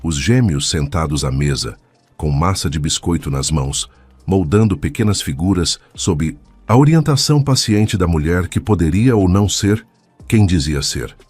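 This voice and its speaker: A man reading a dramatic story in a measured, scripted narration. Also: deep voice, expressive, a little mellow, slightly rough, no echo, faint music behind.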